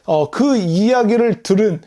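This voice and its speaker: A man's voice: high-pitched, lively intonation, unhurried, mellow. A male pastor preaching a sermon, explaining scripture verse by verse and putting rhetorical questions to his listeners. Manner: leads the congregation in reading scripture aloud.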